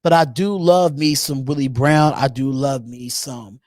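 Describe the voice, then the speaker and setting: Hosting a solo live call-in show, this thirtysomething man talks loosely, circles back on phrases, and lingers on drawn-out ums while reading from the chat. His mid-range voice has a darkish tone, captured in studio quality with no room sound.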